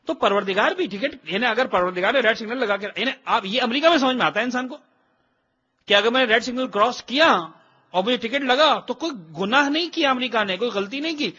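A man's voice: extremely high pitch, animated, bright, forceful tone, husky. A man who is a cleric, teaching a religious class in an explanatory, emphatic way and slipping English phrases into his talk. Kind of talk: religious lecture. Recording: dull lo-fi recording.

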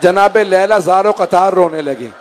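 A high-voiced man speaks unhurriedly over a little hiss or hum, delivering a mourning sermon as a majlis orator. Emotional and pleading with his listeners, he acts out quotes and rises to cries.

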